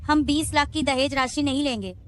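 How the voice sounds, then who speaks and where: A woman's voice: high-pitched, moderate pace, fairly bright tone, a little hiss or hum. An actress playing a greedy, scheming middle-aged mother who sneers and then pleads shrilly. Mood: pleading.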